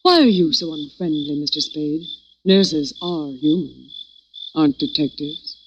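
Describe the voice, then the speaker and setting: A woman's voice: sits low, animated, measured pace. An actress playing a nervous young woman posing as a nurse in a 1940s radio drama, breathless and stammering. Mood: plaintive. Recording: dull, noisy old radio recording.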